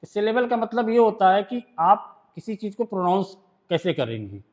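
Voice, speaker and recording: His voice sits high, swings widely in pitch, and carries a darkish tone. An Indian-accented man, he leads a shorthand class, slowly reading rules in English before explaining them in Hindi and regularly checking that students understand each step.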